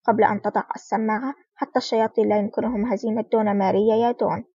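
A woman voicing a cunning female crime boss who speaks softly with a menacing edge. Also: medium pitch, fairly even intonation, rapid-fire, breathy edge, dry recording. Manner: soft-spoken with a menacing edge. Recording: dull lo-fi recording.

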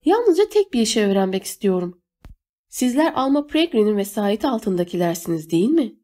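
A woman's voice: mid-range voice, sing-song, a little fast, warm tone, natural voice. A woman reading an audiobook voices a bitter gilled man with a raised, scornful voice. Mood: probing. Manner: scornful, accusing. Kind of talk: audiobook character voice.

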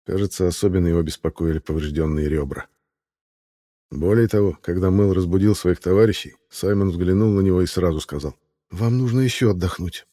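Male narrator, deep, dark tone, even audiobook reading. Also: fairly quick. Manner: steady, even storytelling.

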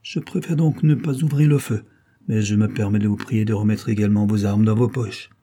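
A man voicing an unshakably calm, sarcastic detective facing captors in a storybook reading. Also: medium pitch, moderate pace, breathy edge, natural voice. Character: cool, sarcastic male detective prisoner.

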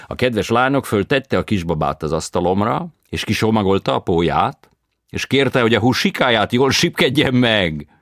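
A man voicing an expatriate male opera tenor who speaks in halting, broken grammar, slowly and emphatically, in an audiobook reading. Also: on the low side, expressive, a bit bright, no room sound, clean studio sound, voice pushed up. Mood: earnest, eager.

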